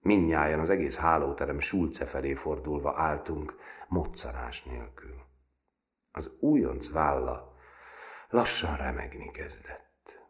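A man reading a novel aloud as an expressive audiobook narrator. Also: rumbling low. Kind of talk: scripted narration.

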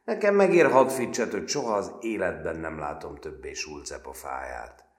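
A man voicing a calm, quick-witted teenage boy cadet in a storybook reading, speaking in a level, unhurried tone. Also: a bass voice, reverberant.

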